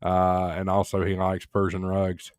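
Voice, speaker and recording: A man's voice: low-pitched, completely flat delivery, a little slow, a little mellow, clear, resonant tone, no echo. A man hosting a casual live stream, chatting loosely with many fillers and reading viewer comments aloud.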